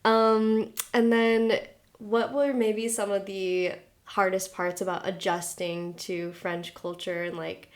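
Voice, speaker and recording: A woman's voice: mid-range voice, little pitch movement, slow pace. A young woman hosting a podcast, asking questions in a chatty, upbeat way. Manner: chatty, upbeat, laughs along. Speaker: podcast host. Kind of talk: casual interview chat.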